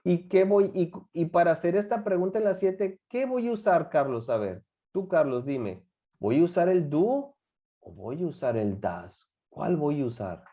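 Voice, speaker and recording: Teacher, animated delivery, acts out dialogue; muffled low-fi recording. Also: unhurried. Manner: repeats and acts out example phrases. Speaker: English teacher. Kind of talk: classroom lesson. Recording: dull lo-fi recording.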